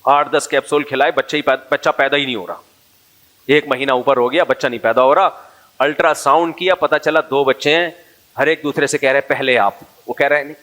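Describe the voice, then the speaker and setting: A man's voice: a little high, fairly even intonation, fairly bright tone. A man from Pakistan, giving a casual sermon full of jokes, stories and asides to the audience. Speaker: Islamic preacher.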